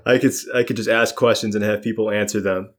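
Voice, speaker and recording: A man's voice: on the low side, steady tone, fast, fairly bright tone. A man co-hosting a casual podcast, thinking aloud in a rambling, self-correcting way and laughing often. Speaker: podcast co-host. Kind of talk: casual brainstorming chat.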